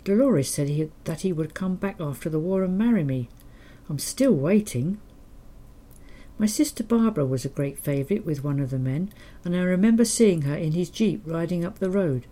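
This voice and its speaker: An elderly woman reads from her memoir in a low, mellow voice. Her telling is gentle and quietly wry. She keeps an even storyteller's pace. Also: moderate pace. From England. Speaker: memoir narrator. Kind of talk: reading a childhood memoir.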